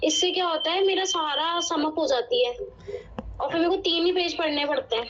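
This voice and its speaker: High-voiced woman student, lo-fi. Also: moderate pace, fairly bright tone. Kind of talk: casual classroom chat. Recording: dull lo-fi classroom recording.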